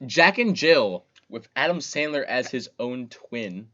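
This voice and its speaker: Young guy chatting about movies, bouncy pitch, kinda muffled lo-fi audio. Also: unhurried. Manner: animated, reads movie titles off a list. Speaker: podcast co-host. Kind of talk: casual chat about movies.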